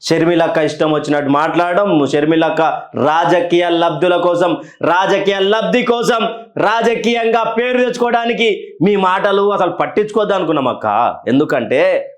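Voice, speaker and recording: High-voiced man scolding in heated commentary. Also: normal speed. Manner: scolding, taunting, repeats his questions. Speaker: political commentator. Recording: roomy echo.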